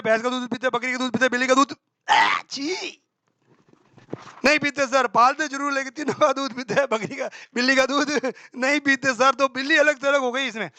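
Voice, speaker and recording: A male teacher running a quick exam-prep accounting class, quizzing himself aloud and answering in a student's voice, with homely examples. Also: very high-pitched, bright, forceful tone, no echo. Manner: brisk and colloquial, with homely examples.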